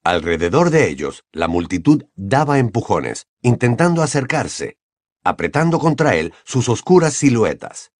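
Expressive male audiobook narrator. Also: medium pitch, moderate pace, no echo, studio quality. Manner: expressive, dramatic reading. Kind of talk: scripted narration.

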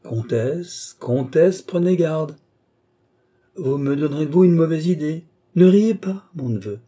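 A man's voice: mid-range voice, normal speed, dark tone, husky. A man voicing a witty, aging duke in an audiobook, mocking and theatrical in his banter. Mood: mock protest. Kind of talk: audiobook character voice.

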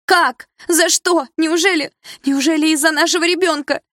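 A woman voicing an anxious, pregnant mother who shrieks and pleads in high-strung outbursts. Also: expressive, fast talker, darkish tone, slightly rough, no echo, clean studio sound. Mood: shrieking.

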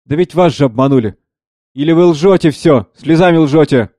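A man reading the part of an agitated young freethinker who shouts, mocks and pleads. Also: a little high, moderate pace, dry recording, studio quality, pitched above the performer's own voice, natural voice. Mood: incredulous.

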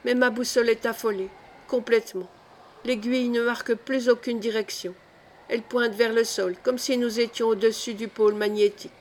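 A woman's voice: on the high side, fairly even intonation, moderate pace, a little mellow, a little hiss or hum, close to an everyday voice. A woman reading the lines of a brooding male astronomer in an audiobook, curt and grumbling. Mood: puzzled. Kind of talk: audiobook character voice.

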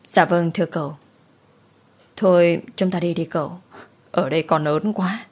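A woman's voice: on the low side, normal speed, a little mellow, lightly acted. A woman voicing a timid young male servant who pleads and stammers when scared.

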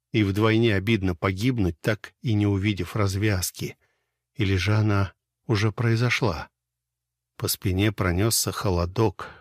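A man narrating an audiobook in a measured, steady storytelling manner. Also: fairly low pitch, breathy edge, no echo, clean studio sound.

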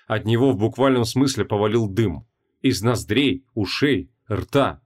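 A man narrating a fantasy audiobook with an expressive, dramatic reading. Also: on the low side, a little slow.

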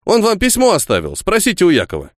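A man's voice: high voice, wildly swooping pitch, fast, no echo, clean studio sound, pitched above the performer's own voice. A man voicing a retired army sergeant and estate servant, giving his report in dutiful, soldierly folk speech.

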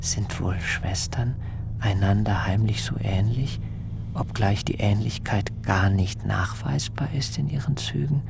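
An actor playing a shaken young bridegroom in a radio drama, musing in a hushed, gravelly voice. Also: male voice, fairly low pitch, measured pace, background noise. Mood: bewildered musing. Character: young man, a shepherd bridegroom, shaken and bewildered.

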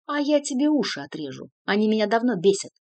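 A woman voicing a hot-tempered young male count who shouts in a raised, high voice. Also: very animated, quick pace, no echo. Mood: furious shouting.

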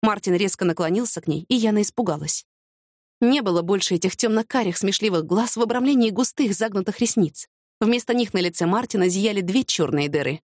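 A woman narrating a novel in an even, expressive reading voice. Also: medium pitch, brisk, dry recording, clean studio sound. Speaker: audiobook narrator. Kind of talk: scripted narration.

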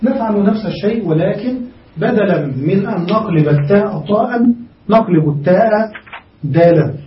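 A man teaching an Arabic grammar lesson, speaking slowly and deliberately and spelling out word forms step by step. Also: high voice, lively intonation, recorded from a distance, slight background noise. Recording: muffled, echoey classroom recorded from afar.

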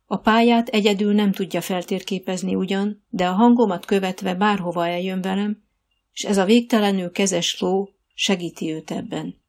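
A woman voicing a calm, encouraging female riding instructor who speaks in soothing, steady commands. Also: mid-range voice, close to an everyday voice. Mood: reassuring.

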